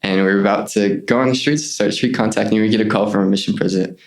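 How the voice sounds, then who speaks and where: A man's voice: lowish voice, quick pace. A young man, a guest on an interview podcast, earnestly telling a story of his missionary service. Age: young adult. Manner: earnest, animated retelling with quoted voices.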